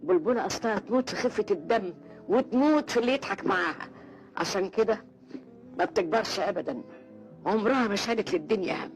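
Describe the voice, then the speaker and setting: An actress playing a lively, amused Egyptian young woman. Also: medium pitch, fast, faint music behind, lightly acted.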